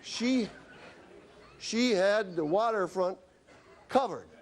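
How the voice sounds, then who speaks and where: A man's voice: sits high, slow. A man who is a doctor, telling chatty, wry anecdotes in a health lecture. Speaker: doctor giving a stop-smoking talk.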